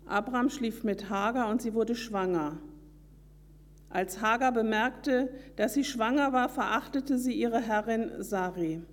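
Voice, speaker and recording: Brief: woman preacher, deliberate sermon storytelling, high voice, long hall reverb.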